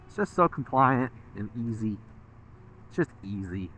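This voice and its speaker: A man's voice: on the low side, animated, measured pace, fairly bright tone, rough recording. An American man from the Midwest chats casually while riding a motorcycle, rambling along and swearing freely as a vlogger.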